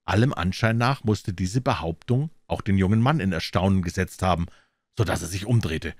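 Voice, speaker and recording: A man narrates a crime novel in a calm, measured audiobook reading. His voice sits low, and the recording is dry and close with no room sound. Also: no room sound. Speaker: audiobook reader.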